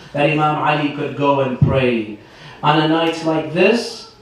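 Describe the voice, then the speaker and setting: A man delivering an impassioned sermon, swinging between soft, low passages and loud, emphatic ones. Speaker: religious speaker. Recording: echoey, distant hall mic with faint noise.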